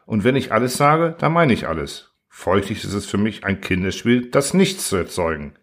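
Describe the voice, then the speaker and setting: A cold, self-important machine with a metallic ring to its voice, as a man puts it on. It talks down to its makers with calm, smug indifference, like an audiobook villain. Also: lowish voice, moderate pace, full character voice. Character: vain, cold, boastful thinking machine. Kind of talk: audiobook reading.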